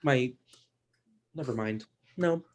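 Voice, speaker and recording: A man leads an online language class, talking loosely and stopping often to restart his sentences. His voice sits in a middle range for a man. He fills his pauses with plenty of ums and likes. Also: mid-range voice, darkish tone. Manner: casual, halting, many fillers. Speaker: teacher.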